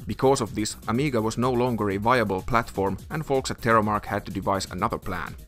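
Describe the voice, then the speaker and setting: A man's voice: lowish voice, a bit bright. A man reading scripted documentary narration as a video narrator. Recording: music under the voice. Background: background music.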